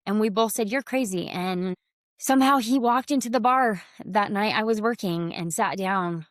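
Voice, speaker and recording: A woman's voice: mid-range voice, moderate pace, no echo, studio quality. A middle-aged woman hosting a podcast, telling a personal story in an earnest, heartfelt, confessional way. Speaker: podcast host.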